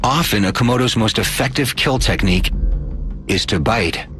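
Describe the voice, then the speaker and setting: A man's voice: lowish voice, normal speed, fairly bright tone, soft background music. A man reading scripted nature documentary narration with dramatic, suspenseful phrasing.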